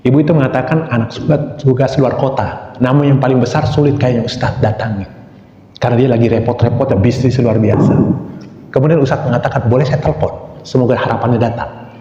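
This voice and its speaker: Male Indonesian preacher, mellow tone, storytelling sermon in a roomy mosque hall. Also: medium pitch, brisk. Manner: storytelling, acting out quoted dialogue. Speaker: ustadz preacher. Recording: echoey hall, dull lo-fi sound.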